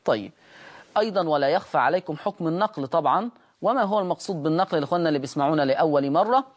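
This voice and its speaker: A man with an Egyptian Arabic accent teaching Quran recitation rules. He explains each rule and then slowly intones the example words. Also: fairly high pitch, animated, highs cut off. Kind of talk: recitation lesson.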